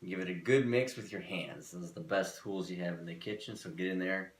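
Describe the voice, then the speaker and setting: Cooking show guy, real low voice, dry jokey, talking a recipe thru, echoey kitchen. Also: a little fast, very noisy. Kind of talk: casual cooking demo chat. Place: kitchen studio.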